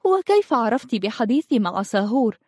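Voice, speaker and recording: A woman's voice: fairly high pitch, sing-song, fairly quick, a little mellow, husky, dry recording, clean studio sound. A woman voicing an insecure young fairy girl who thinks she is ugly, speaking in anxious, wistful questions.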